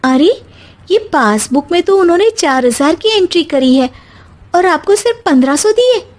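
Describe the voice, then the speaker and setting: Outspoken, sensible young bride from a storybook played by a woman, high and earnest, articulate. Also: lively intonation, normal speed, a little mellow. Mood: alarmed, indignant. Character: educated young city-bred daughter-in-law, outspoken and sensible.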